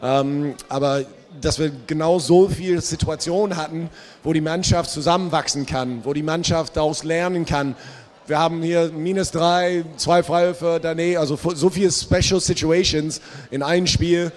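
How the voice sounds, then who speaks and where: A man's voice: a little high, fairly even intonation, moderate pace. A basketball coach, a man, talking candidly after a game, with fillers, into a handheld mic. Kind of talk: postgame press talk. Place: stage in a large dark hall. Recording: long hall reverb.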